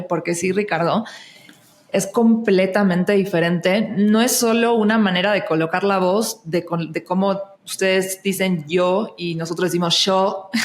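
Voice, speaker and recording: A woman from Argentina, speaking with a Mexican Spanish accent as a podcast guest. Her voice sits a little low, and she talks in an animated way, full of fillers and restarts. The room gives her voice a clear echo. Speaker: guest, actress and singer. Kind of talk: casual podcast conversation.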